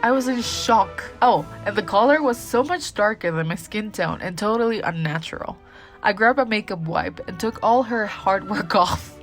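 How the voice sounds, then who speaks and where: A woman's voice: medium pitch, lively intonation, normal speed, soft background music. Chatty, giggly young woman vlogger. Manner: chatty, giggly, full of asides and "like". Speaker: beauty vlogger. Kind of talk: casual chat reading viewer stories aloud.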